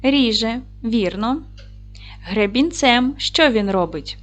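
A woman teaching a recorded lesson for young children, speaking clearly and slowly with encouraging praise. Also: a little high, lively intonation. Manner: clear, slow, encouraging classroom delivery. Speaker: primary school teacher.

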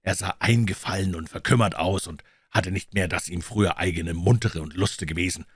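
A man reading a classic story aloud as an audiobook, with measured storytelling. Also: low voice, breathy edge, no echo, clean studio sound. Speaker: audiobook reader.

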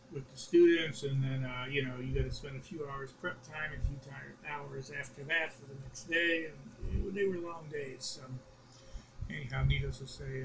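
A man's voice: medium pitch, creaky. A man checking in on an amateur radio net, chatty and rambling, heard over a radio transmission. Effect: radio transmission with static. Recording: radio audio with loud static.

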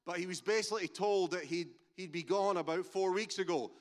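Speaking fairly quickly, a Scottish man pastors a church service in a voice that sits high for a man. His sermon is emphatic and conversational, shifting between storytelling and prayer, and it echoes with the long reverb of a big church hall.

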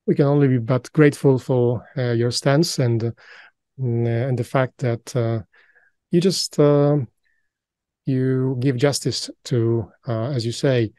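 A man's voice: medium pitch, fairly even intonation, a little slow, warm tone, no echo. Hesitant, polite male interviewer. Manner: hesitant, many fillers and restarts, polite and appreciative. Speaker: interviewer and channel host. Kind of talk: interview questions.

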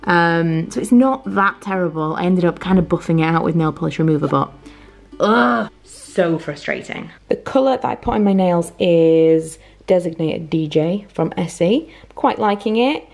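British woman, 30s, casual daily vlog, rambling, self-deprecating, lowish voice, faint music behind. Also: expressive, moderate pace, gravelly, hardly any pauses, a little mellow. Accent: British English. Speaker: vlogger.

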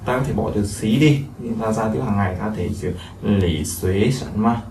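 A man's voice: fairly low pitch, moderate pace, a little mellow. A man, teaching a language lesson and explaining each phrase over and over with many fillers. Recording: echoey room, mic at a distance, faint noise.

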